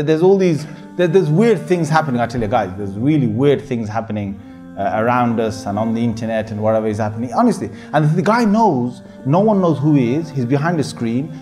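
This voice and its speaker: A man's voice: mid-range voice, darkish tone. A male preacher giving an informal sermon. He speaks earnestly, repeats himself often, and uses many fillers. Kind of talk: informal sermon to a young audience.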